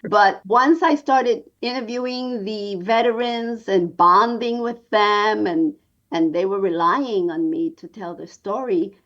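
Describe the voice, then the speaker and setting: Interviewed about her story, a woman in her sixties from New York, a documentary producer, speaks in an earnest, measured manner broken by many pauses. Her medium-pitched voice is a touch bright, captured with lo-fi sound.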